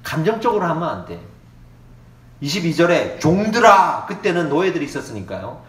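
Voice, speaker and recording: Animated Korean pastor preaching with lively pitch. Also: male voice, brisk. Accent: Gyeongsang Korean. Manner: animated preaching, acting out quoted prayers and dialogue. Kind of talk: sermon. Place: church sanctuary. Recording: echoey church room.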